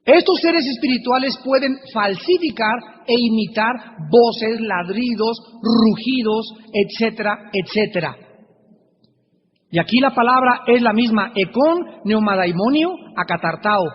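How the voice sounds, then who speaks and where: Male preacher, very high voice, deliberate teaching cadence with repetition; dull lo-fi hall recording. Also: expressive. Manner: deliberate, repeats key phrases and slowly sounds out Greek terms. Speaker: preacher teaching a Bible study. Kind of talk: Bible lecture sermon. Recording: dull lo-fi recording in a reverberant hall with faint hiss.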